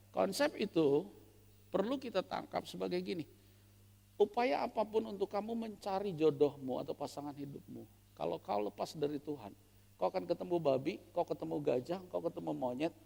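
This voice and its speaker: A man preaching a sermon as pastor, playful and animated, asking the congregation rhetorical questions. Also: on the high side, fairly quick, gravelly, long reverb tail. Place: church.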